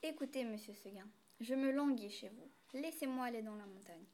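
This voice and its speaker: A headstrong young nanny goat from a storybook, quiet and wistful, dreaming of the mountains, as a woman reads her lines. Her voice sits a little high and drops low at the ends of her lines. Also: brisk, natural voice. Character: young headstrong female goat longing for freedom. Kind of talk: storybook reading.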